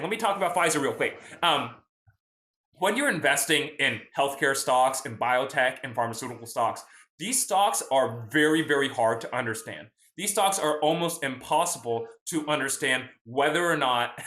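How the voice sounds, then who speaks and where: Bright-voiced young man in an echoey room. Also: on the high side. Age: young adult. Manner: chatty, explains and greets viewers from chat, often asks "right?". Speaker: host. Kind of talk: casual livestream finance talk.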